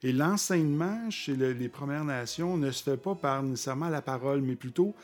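A man with a Québécois accent, a podcast guest recounting personal experiences in conversation, pausing often with fillers and restarting his sentences. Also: mid-range voice, a little mellow. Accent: Québécois French. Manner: halting, with frequent fillers and restarts. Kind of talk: conversational storytelling.

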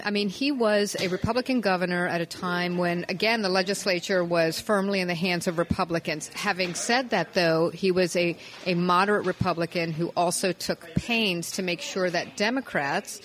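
A woman reporter co-hosting a political news podcast, calmly explaining background details in a casual chat. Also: fairly low pitch, normal speed, poor audio.

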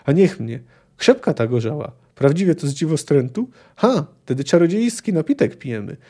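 A blunt young woman archer speaks in plain, curt, skeptical words, read aloud by a man. The voice is a touch high and darkly soft. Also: sing-song, moderate pace.

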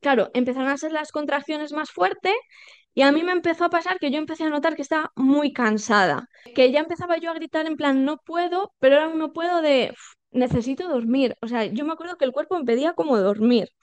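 A woman, telling her birth story as a podcast guest, animated and acting out quoted dialogue with many fillers. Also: sits high, fast. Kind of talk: personal birth story told in conversation.

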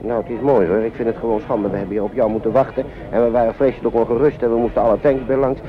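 An actor playing a fussy uncle who talks to children in a chatty, scolding but kindly way. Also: male voice, medium pitch, steady tone, very fast, over music, close to an everyday voice. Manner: fretful, chatty, scolding yet kindly, many tag questions. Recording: dull old noisy recording.

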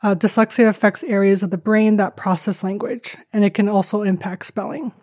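A woman's voice: mid-range voice, steady tone, a little fast, a little mellow, no room sound, studio quality. A woman from Taiwan, speaking candidly and a little hesitantly as an interview guest, with a self-deprecating touch. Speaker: podcast guest.

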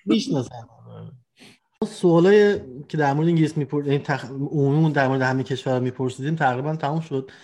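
A man hosting a casual conversation, talking in a halting way with many fillers and restarts. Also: medium pitch, darkish tone. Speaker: host. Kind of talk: casual chat.

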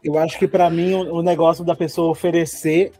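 A man's voice: on the high side, little pitch movement, fairly quick, vocal fry, mellow, soft background music. A Brazilian man, a podcast guest, rambling through anecdotes in casual chat. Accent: Brazilian Portuguese.

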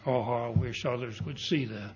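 A male pastor preaching a sermon at a pulpit microphone, speaking in a deliberate, emphatic way and building up to strong declarations. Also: medium pitch, fairly even intonation, a little mellow, dull audio, slight background noise. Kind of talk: expository sermon. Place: church sanctuary.

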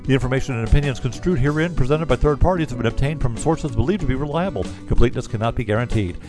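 A man reading a scripted legal disclaimer as an announcer, in a rapid fine-print manner. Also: mid-range voice, music in the background.

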